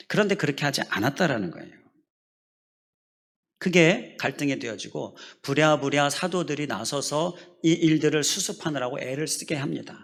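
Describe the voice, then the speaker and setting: A man's voice: a little high, fairly bright tone. A middle-aged man preaching a sermon as pastor, explaining scripture step by step and asking the congregation questions. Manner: leads the congregation in repeating phrases.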